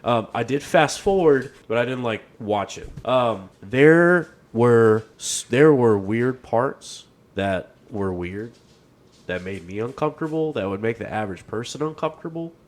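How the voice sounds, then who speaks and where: A young man co-hosting a casual podcast, laid-back and reacting with quick asides. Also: mid-range voice, animated. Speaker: podcast co-host. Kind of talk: casual chat.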